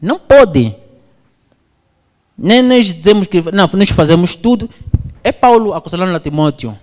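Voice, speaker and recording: A man from Angola preaching a sermon, telling a story with his voice swinging up and down. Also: moderate pace. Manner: animated storytelling, voice swings high and low. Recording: long hall reverb.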